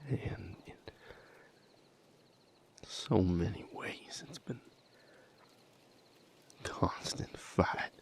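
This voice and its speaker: Cast as a tormented lover in a romance audio drama, a male actor uses a deep, hushed, very slow, halting voice in a full, animated character performance. His breathy, gravelly whisper carries anguish and weariness through long pauses as this vampire-romance lover comforts and seeks comfort in intimate dramatic roleplay.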